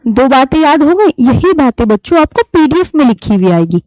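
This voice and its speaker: A woman teaching a live online class with a fairly high voice, patient and deliberate as she drills key terms. The sound is dry, close and a little dull, like lo-fi stream audio. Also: big pitch swings, a little mellow, no echo. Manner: patient, repeats key terms slowly for students.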